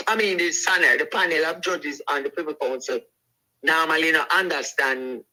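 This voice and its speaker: A man's voice: fairly high pitch, moderate pace, sharp tone, poor audio. A man with a Jamaican accent, co-hosting a casual discussion and laying out his points methodically. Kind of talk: casual talk-show discussion.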